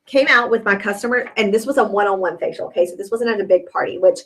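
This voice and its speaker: A woman's voice: medium pitch, fast, rough recording. A young woman coaching a sales team in a chatty, upbeat way, often checking in with "okay?". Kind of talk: sales training talk.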